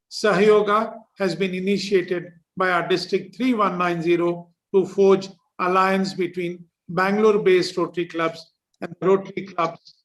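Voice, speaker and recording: A man with a notably high-pitched voice delivers a formal ceremonial address. He reads a prepared speech in a measured, dignified way, as a district governor speaking to club members. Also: rough recording.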